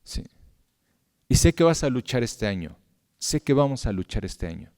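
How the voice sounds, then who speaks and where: A middle-aged man preaching a sermon as pastor, swinging from loud, impassioned appeals to low, hushed words. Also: sing-song, moderate pace. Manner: impassioned, rising loud at appeals then dropping to a low hush. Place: church hall. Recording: long hall reverb.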